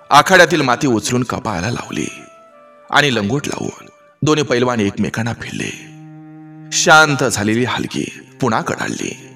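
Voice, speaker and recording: A man's voice: mid-range voice, pushed and bright. Male storyteller, dramatic narration, medium voice, faint music under. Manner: vivid, dramatic reading. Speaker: story reader. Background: faint background music.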